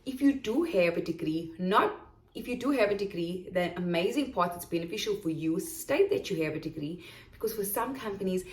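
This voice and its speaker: How to begin coaching English online is the topic of this chatty, casual vlog by a woman with a Durban South African accent and a voice on the low side. She keeps checking in with "okay?" while the room echoes around her.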